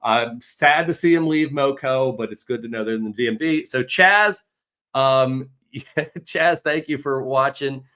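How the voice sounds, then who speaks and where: A man hosting a casual livestream Q&A as a real estate agent, telling animated stories and swearing mildly. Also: medium pitch, a little slow. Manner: chatty, animated storytelling with mild swearing.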